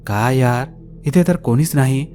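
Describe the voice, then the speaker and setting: A man's voice: mid-range voice, unhurried, darkish tone, faint music behind, lightly acted. Man voicing a bold, teasing young man. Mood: dismissive.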